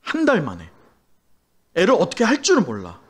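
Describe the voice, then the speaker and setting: A man's voice: high voice, wildly swooping pitch, fairly quick, husky. A middle-aged male pastor preaching a sermon, asking the congregation questions as he goes.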